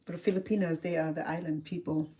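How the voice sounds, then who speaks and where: Her low, husky, mellow voice moves fast with little pitch movement as this middle-aged woman from Cambodia, with a Cambodian accent, cooks in her kitchen on a livestream. She keeps up a chatty stream of talk, answering viewer comments and laughing frequently.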